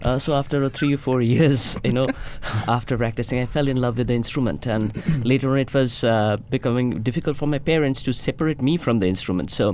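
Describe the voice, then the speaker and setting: A man who grew up in India answers interview questions at a middle pitch, pausing often with fillers as he talks about his music. A faint hiss sits under his voice. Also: a little mellow. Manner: measured, hesitant with many fillers. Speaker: sitar player, guest musician. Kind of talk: casual interview talk.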